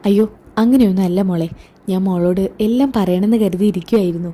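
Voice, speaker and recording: A woman's voice: medium pitch, fast talker, warm tone, a little hiss or hum, close to an everyday voice. Woman voicing a tender older mother-in-law. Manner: tender, pleading.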